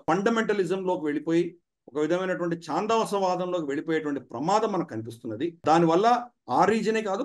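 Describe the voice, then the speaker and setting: A man speaking as a commentator guest in a studio discussion, explaining at length with frequent "ah" fillers. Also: sits high.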